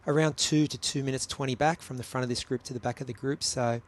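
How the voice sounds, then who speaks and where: A man's voice: mid-range voice, steady tone, fast talker. Man commentating a live race. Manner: analytical, chatty, frequent ums.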